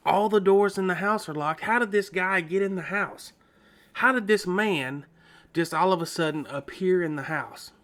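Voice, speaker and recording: A man's voice: high voice, moderate pace, fairly bright tone. A man earnestly retelling a frightening paranormal experience from his teenage years, dramatic and full of repetitions. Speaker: storyteller. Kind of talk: first-person paranormal story narration.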